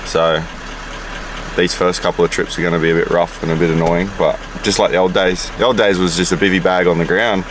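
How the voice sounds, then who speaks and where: A man's voice: sits low, level tone, fairly quick, background noise. An Australian man casually telling camping stories outdoors, laughing often and swearing freely. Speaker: vlogger. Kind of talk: casual chat. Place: outdoors at a campsite.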